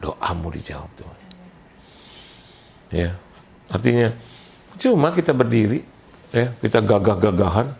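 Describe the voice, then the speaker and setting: A man preaching a sermon, telling an animated, jokey story and acting out the voices of the people in it. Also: on the low side, a little slow, gravelly, pauses often. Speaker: pastor.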